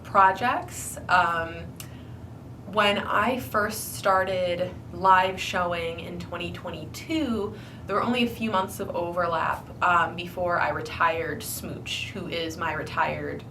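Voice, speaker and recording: A young woman with a slightly low voice, a bit congested and stuffy, talking loosely to camera with frequent ums and likes. She sits a little back from the mic, with faint room noise behind her. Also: slow pace, distant mic. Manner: rambling, many ums and likes. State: congested from flu. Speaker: hobby collector vlogger. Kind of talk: casual chat to camera.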